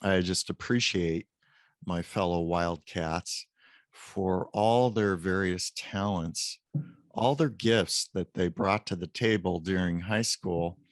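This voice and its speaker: A man in his late fifties tells a story in a casual interview, slow and unhurried, his voice sitting a little low. He sounds animated and close to the mic, with a dry sound and no room around him. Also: no echo. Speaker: guest, professor.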